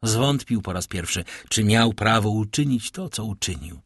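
A man narrating a classic novel in a measured, grave manner. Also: on the low side, animated, slightly rough, dry recording, studio quality. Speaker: audiobook narrator. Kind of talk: dramatic literary narration.

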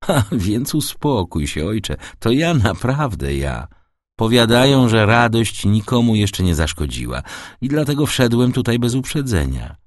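A man's voice: fairly low pitch, sing-song, a little slow, no room sound, studio quality, pitched above the performer's own voice. A man voicing an eager young sailor son who speaks earnestly and urgently.

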